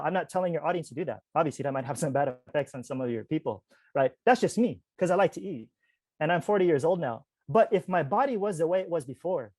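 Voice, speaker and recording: Chatty forty-year-old man, slightly high voice. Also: no echo. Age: 40s. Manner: chatty, animated, many "like" and "you guys" asides. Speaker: podcast guest, spiritual teacher. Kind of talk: casual storytelling.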